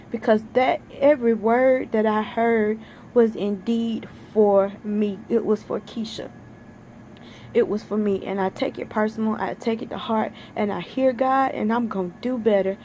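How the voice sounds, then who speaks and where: A woman's voice: a little high, steady tone, a little slow, warm tone, a little hiss or hum. A woman giving an earnest, repetitive devotional exhortation while sitting out on her sun porch, near tears. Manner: earnest, preachy, repeats for emphasis. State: close to tears. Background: thunder outside.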